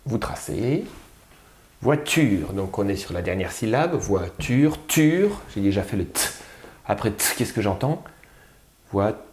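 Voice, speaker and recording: Slow-spoken man teaching spelling. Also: lowish voice, expressive, darkish tone, echoey room. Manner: slow, drawn-out, sounding out syllables. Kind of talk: step-by-step spelling lesson.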